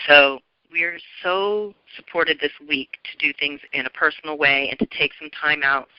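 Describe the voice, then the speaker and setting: A woman's voice: deep voice, no echo, highs cut off. A woman astrologer giving an earnest, encouraging spoken forecast, often repeating her phrases.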